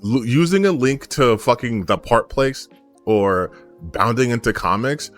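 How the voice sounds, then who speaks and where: A man's voice: medium pitch, lively intonation, unhurried, soft background music. An American man, a gaming channel host, ranting his opinion off the cuff, emphatic and blunt, firing rhetorical questions and swearing casually. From United States. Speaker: gaming YouTuber. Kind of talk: unscripted opinion rant to camera.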